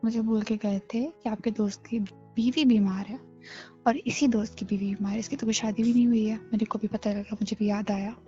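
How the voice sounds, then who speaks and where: A woman's voice: on the high side, fairly even intonation, fairly quick, warm tone, muffled recording, soft background music, natural voice. A woman playing a jealous young wife in a comedy sketch, scolding and demanding answers. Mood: suspicious.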